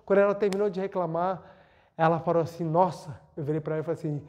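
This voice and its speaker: A man's voice: a little high, steady tone, fast, a little mellow. A man with a Brazilian Portuguese accent giving an earnest spiritual lecture, repeating words for emphasis and leading a meditation. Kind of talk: spiritual talk and guided meditation.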